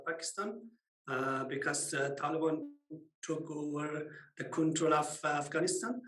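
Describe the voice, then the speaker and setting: A man with a fairly high voice talks hesitantly over a video call, pausing often on filler sounds. His audio sounds roomy and hollow. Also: fairly bright tone. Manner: hesitant, many fillers, non-native phrasing. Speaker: guest speaker, refugee.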